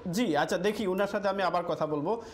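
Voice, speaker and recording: High-voiced talk show host. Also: male voice, brisk. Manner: pressing, mixes English phrases into speech. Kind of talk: political talk show debate.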